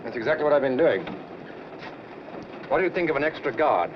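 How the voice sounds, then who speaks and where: An actor playing an unflappable British gentleman in a 1940s film, breezy and understated in manner. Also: mid-range voice, animated, brisk, natural voice. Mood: breezy, reassuring. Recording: muffled, noisy old film soundtrack.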